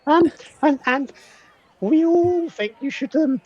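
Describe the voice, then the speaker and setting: A man voicing a tiny, eager male pixie greeter with an excitable, halting, welcoming manner in a tabletop fantasy game. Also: very high-pitched, muffled recording, voice pushed up, full character voice. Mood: delighted.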